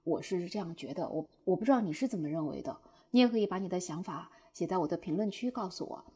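A young woman telling viewers a personal story in a lively way, acting out her own past outbursts. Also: lowish voice, fast talker, breathy edge. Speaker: short-video creator.

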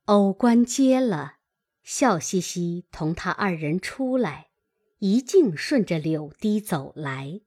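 A woman reading a classic novel aloud in a measured, expressive way. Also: on the low side. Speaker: reader.

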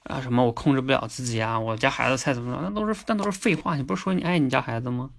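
A man hosting a casual livestream, chatty and earnest, often checking in with listeners through quick tag questions. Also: mid-range voice, creaky. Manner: earnest, sometimes emphatic. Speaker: livestream host.

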